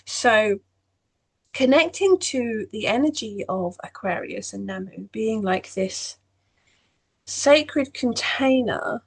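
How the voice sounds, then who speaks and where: A woman's voice: fairly high pitch, animated, slow, creaky, husky. A woman giving a meandering spiritual astrology talk, full of "you know" fillers. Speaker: astrology channel host.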